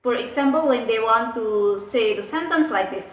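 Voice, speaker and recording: A woman's voice: a little high, expressive, moderate pace, slight background noise. A young woman, a university student, explaining a topic in a class presentation, careful and simple. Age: young adult. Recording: echoey room from far off, faint music behind.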